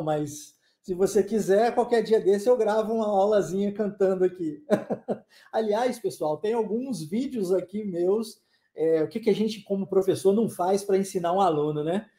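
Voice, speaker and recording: A man's voice: sits high, lively intonation, normal speed, warm tone, echoey room. A man with a Southeastern Brazilian accent teaching an online language lesson, playful and making sound effects to show pronunciation. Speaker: English teacher.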